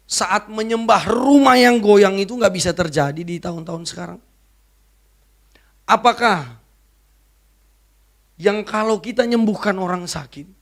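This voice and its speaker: A woman evangelist giving an emotional sermon testimony to a church congregation, swinging from loud to hushed. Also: medium pitch. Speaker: evangelist preacher. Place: church service.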